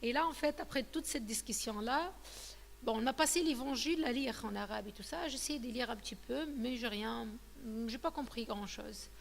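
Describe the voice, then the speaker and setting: Here the Tunisian guest, in her thirties, tells her testimony in a fairly high, gravelly voice at a moderate pace, still halting and crowded with fillers and false starts. A long reverb tail and a little hiss or hum sit under the interview.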